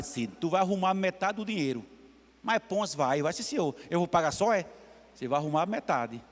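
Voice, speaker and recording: Male pastor, high lively voice, unhurried, storytelling sermon. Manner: animated, acts out dialogue in his stories. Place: church sanctuary. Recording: long church-hall reverb.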